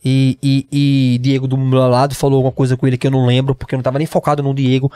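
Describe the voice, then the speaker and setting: A man in his twenties with a Northeastern Brazilian accent, telling his story as a podcast guest, slangy and animated, acting out what others said. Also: mid-range voice, fast talker, clear, resonant tone, no echo. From Pernambuco, Brazil. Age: 20s. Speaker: guest, MMA fighter.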